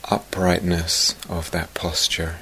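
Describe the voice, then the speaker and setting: In a deep voice with completely flat delivery, a man gently guides a meditation, pausing at length and letting his words fade nearly to a whisper. The recording is low quality, with a little hiss or hum.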